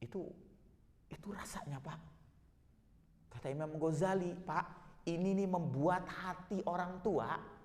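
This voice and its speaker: A male Islamic preacher delivering an emotional sermon, swinging from soft murmurs to loud exhortation. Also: sits high, measured pace, long pauses, big-room sound.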